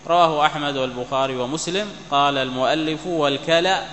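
A man gives a religious lesson in a large hall, with a bright, forceful voice that rings out with a long echo. He reads a text and explains it, repeating key words to drive them home, over a faint hum. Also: on the high side, fast talker. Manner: repeats key words for emphasis, recites quoted texts. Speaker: Islamic teacher explaining a hadith text.

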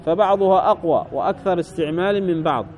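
A man with a notably high voice leads a classical grammar lesson. He reads a passage aloud, then explains it in a measured, patient way. He often stops to check that his listeners follow. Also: darkish tone, slight background noise. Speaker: Arabic grammar teacher.

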